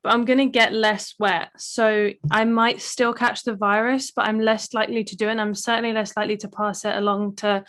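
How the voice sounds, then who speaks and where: A woman's voice: medium pitch, flat delivery, brisk, few pauses, fairly bright tone. A woman hosting a casual podcast discussion, making her case with everyday analogies and pressing her guests with questions. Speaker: podcast host.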